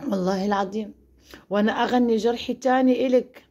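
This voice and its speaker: A woman's voice: a little high, fast, darkish tone. A woman from Morocco delivering an exasperated, scolding and sarcastic monologue as a vlogger. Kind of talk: ranting monologue to camera.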